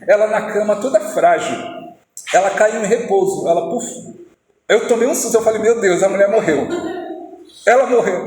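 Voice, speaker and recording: High-voiced preacher man in echoey hall. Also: darkish tone. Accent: Brazilian Portuguese. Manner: storytelling, acting out dialogue. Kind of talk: testimony sermon. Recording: echoey hall, faint noise.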